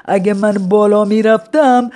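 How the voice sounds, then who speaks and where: A reader voicing an old man, a retired politician, who speaks slowly in flowery formal phrases. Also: mid-range voice, animated, darkish tone, natural voice. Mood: wistful. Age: older. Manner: slow, flowery, formal address.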